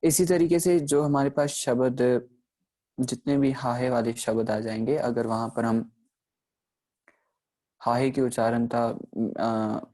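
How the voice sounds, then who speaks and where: Male teacher, warm low-toned delivery, patient step-by-step explaining with frequent check-ins. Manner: patient explaining, checks in often with "theek hai"; slows down to sound out example words. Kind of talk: recorded online grammar lesson.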